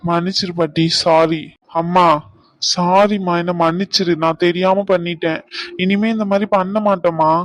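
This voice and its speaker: A woman's voice: lowish voice, steady tone, moderate pace, close to an everyday voice. A woman voicing an anxious young cartoon man. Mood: apologetic. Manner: pleading, anxious, apologetic. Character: troubled young man torn between mother and love. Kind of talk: cartoon voice acting.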